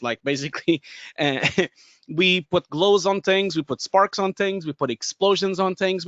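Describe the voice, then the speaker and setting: A chatty man with a Portuguese accent presents a live webinar from a home studio, speaking into a headset mic. His voice sits a little high and comes through dry, with a dull, lo-fi webinar sound. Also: a bit bright, no echo. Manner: chatty, many fillers and restarts, laughs often. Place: home studio room with bookshelves. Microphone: headset with boom mic.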